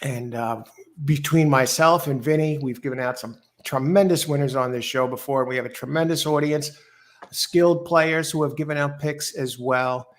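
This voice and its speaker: A man's voice: medium pitch, normal speed. A man hosting a casual live horse racing show, chatting through picks and greeting listeners. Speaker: host.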